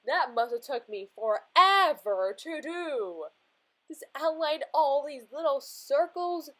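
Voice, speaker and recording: A woman's voice: sits high, lively intonation, takes it slowly, pushed and bright, rough recording. A young woman chatting casually as she draws in a sketchbook, giggling often and calling everything little and cute. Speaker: art vlogger. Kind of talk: casual drawing narration.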